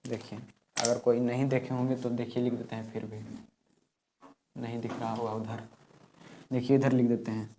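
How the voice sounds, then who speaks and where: A man's voice: medium pitch, flat delivery, moderate pace, pauses often, warm tone, slight background noise. Male physics teacher at a board, patient step-by-step explainer who repeats key terms, voice fades as he turns to write. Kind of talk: classroom lesson at a board.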